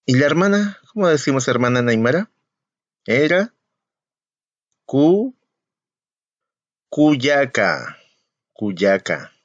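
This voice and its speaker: A man with a Chilean Spanish accent teaches young children, saying each word slowly and then repeating it so they can copy him. His pace is unhurried and deliberate. The recording is dry and a little muffled. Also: fairly high pitch, animated, dry recording. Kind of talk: slow, patient language lesson for young children.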